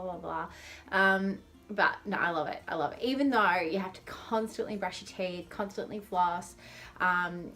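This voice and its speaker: A woman's voice: on the low side, a bit bright. A young adult woman chatting casually and informally to camera, with a lisp and whistling s sounds from dental aligners, rambling in a self-deprecating way. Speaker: vlogger.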